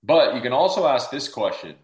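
A man's voice: mid-range voice, big pitch swings, fairly quick. A man giving casual sports analysis as a panelist, posing questions and answering them himself. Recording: echoey room sound.

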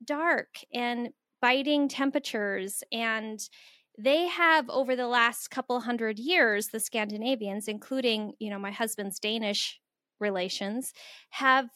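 An earnest American woman from the Southwest, a guest author who exhorts and laughs easily. Her voice is bright and sharp, pitched a little high, and it is recorded dry and close. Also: a little slow, dry recording. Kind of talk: interview conversation.

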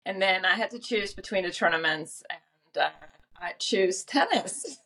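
Woman, Swedish accent, middle-aged, chatty, frequent fillers, medium pitch. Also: animated, a little slow, fairly bright tone, breathy edge. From Sweden. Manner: chatty, laughs easily, many fillers. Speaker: guest, tennis event director. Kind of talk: conversational interview answers.

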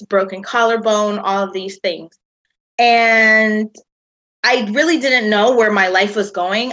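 A woman's voice: medium pitch, sharp tone. A woman in her thirties from the United States, a tour company founder telling her story in a chatty interview with many "um"s and "like"s. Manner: chatty, uses lots of "um" and "like".

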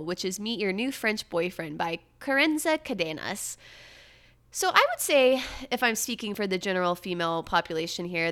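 Bright-voiced gossipy woman host. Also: smooth. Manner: gossipy, sarcastic, animated with swooping pitch. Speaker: podcast host. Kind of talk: casual pop-culture chat.

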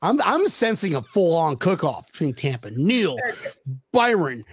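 A man's voice: fairly high pitch, very animated, unhurried, husky. A man hosting a casual podcast, rowdy and teasing, firing off questions at his guests. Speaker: podcast host.

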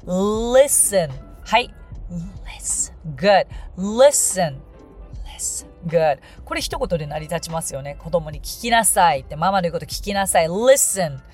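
A woman hosting a podcast pronunciation lesson, speaking politely and modeling words slowly for listeners to repeat. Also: deep voice, animated, soft background music. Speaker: English pronunciation teacher and podcast host.

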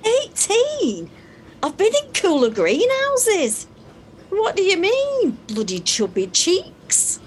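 A woman's voice: very high voice, huge pitch swings, slow pace, slight background noise, heavily acted. A woman playing a brash, tactless gym regular. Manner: blunt, brassy and tactless. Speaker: gym class member. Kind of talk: sitcom acting.

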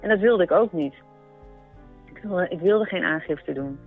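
Halting woman recounting, phone-like sound. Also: on the low side. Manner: halting, with many pauses, fillers and restarts. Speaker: storyteller recounting a personal experience. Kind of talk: personal testimony, conversational. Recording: narrow phone-like sound with faint music behind.

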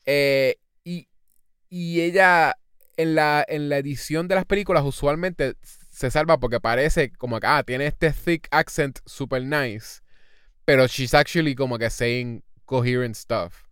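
A man talks through a film review in loose, rambling podcast chat. He slips English phrases into his sentences and leans on fillers. His voice is smooth and clear, recorded close and dry. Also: a little high, a little slow, fairly bright tone, no room sound. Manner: rambling, mixes English words into Spanish, many fillers. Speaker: podcast co-host.

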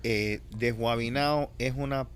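A man's voice: medium pitch, fairly even intonation, unhurried, clear, resonant tone. A man in a casual talk show who questions and pushes back skeptically. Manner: skeptical, contrarian. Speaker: co-host. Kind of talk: casual chat.

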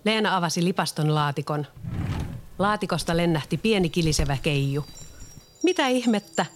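Children's story narrator, clear, steady delivery. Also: medium pitch, slight background noise.

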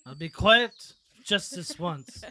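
A man's voice: high voice, lively intonation, slow pace, pushed and bright, exaggerated voice. A man voicing an arrogant, indignant adventurer in a tabletop game. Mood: haughty. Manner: pompous, indignant. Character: arrogant, haughty male adventurer.

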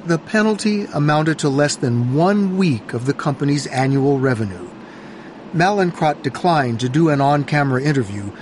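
Higher-voiced man narrating an investigative news exposé. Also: slight background noise. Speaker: correspondent narrator.

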